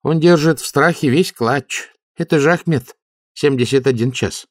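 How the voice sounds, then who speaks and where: A man's voice: medium pitch, normal speed, dry recording, studio quality, voice pushed up, natural voice. A man reading an audiobook, voicing a cautious older refugee man who speaks impassively and warily. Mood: wary. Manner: impassive, wary.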